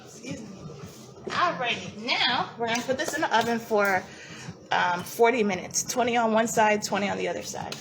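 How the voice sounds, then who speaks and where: A woman's voice: fairly high pitch, normal speed, background noise. A woman from New Jersey with a New Jersey accent, chatting playfully and giggling as she demonstrates a recipe in her home kitchen. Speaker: cooking vlogger. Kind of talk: casual cooking demonstration. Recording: loud music playing behind her. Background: hip hop and EDM music.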